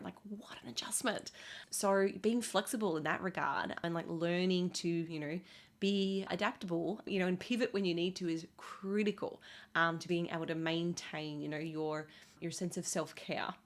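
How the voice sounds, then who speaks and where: A woman in her thirties, a fitness coach who moved to the States, chatting casually to camera with lots of fillers and frequent laughs. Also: on the low side. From outside the United States. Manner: chatty, laughs often, many fillers like "like" and "you know". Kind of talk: casual talking-to-camera check-in.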